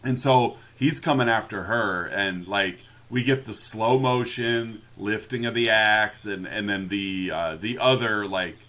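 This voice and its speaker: A man's voice: on the low side, a little slow, hardly any pauses, pushed and bright. A man co-hosting a podcast, recapping a film in casual chat, laughing often and mock-quoting the characters. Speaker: podcast co-host.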